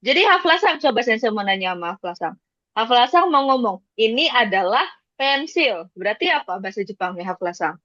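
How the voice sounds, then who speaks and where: A woman teaches Japanese to a class, patiently repeating points and checking that students follow. Her medium-pitched voice is sing-song and fairly bright, and she talks fast. The recording is dull, lo-fi and dry, with no room sound.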